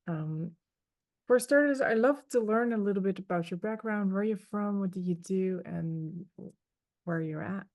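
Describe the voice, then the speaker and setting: A woman's voice: mid-range voice, moderate pace, darkish tone, no room sound, studio quality. A woman hosting an interview podcast, welcoming her guest and asking encouraging questions. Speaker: podcast host.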